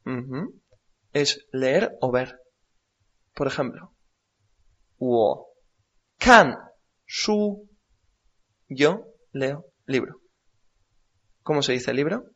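Male teacher, unhurried and patient, repeats words for drilling; muffled lo-fi sound. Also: mid-range voice, animated. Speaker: language teacher. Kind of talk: radio language lesson. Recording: dull lo-fi recording.

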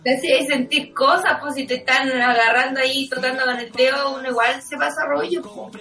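A woman's voice: high-pitched, fairly even intonation, a little fast, bright, forceful tone, recorded from a distance. A Chilean woman chiming in with short remarks in a casual podcast chat. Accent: Chilean Spanish. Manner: brief reactive interjections. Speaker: podcast co-host.

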